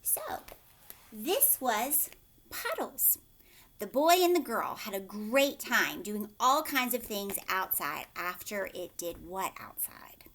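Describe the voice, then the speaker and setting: This teacher reads a picture book aloud for young children slowly, with a medium pitch and lively intonation. She stretches words out and uses quiet asides to ask the kids questions, keeping it all expressive.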